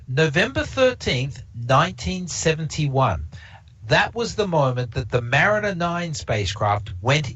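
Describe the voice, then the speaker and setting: His voice is a little high and fairly bright, with a breathy edge. He's from Canada, not a native English speaker, and he presents a relaxed observatory talk that wanders, restarts, and leans on fillers, captured in slightly dull lo-fi stream audio.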